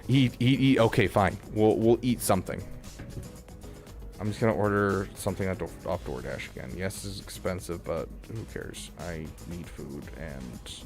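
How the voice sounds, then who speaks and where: A male streamer talks casually while playing a game, rambling and filling gaps with ums and uhs. His voice sits fairly low, and he keeps things loose and chatty as he explains himself to his viewers. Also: normal speed, darkish tone, soft background music. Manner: rambling, filler-heavy, chatty. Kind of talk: casual gaming stream chat.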